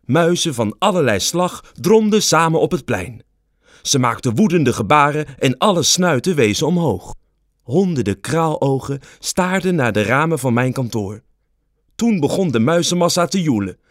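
A man narrating a children's storybook in an expressive, animated reading. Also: on the high side, moderate pace, dry recording, studio quality.

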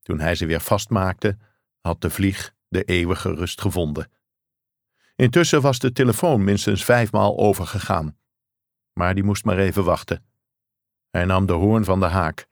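A man reading a novel aloud as narrator, measured and even. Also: deep voice, no room sound, clean studio sound. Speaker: audiobook narrator. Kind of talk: scripted narration.

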